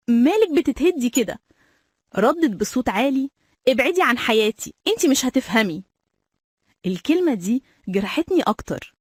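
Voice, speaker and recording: A woman's voice: a little high, a little mellow, no echo, studio quality. A young woman with an Egyptian accent, telling her own story in a dramatic, emotional scripted narration. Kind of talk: scripted first-person storytelling.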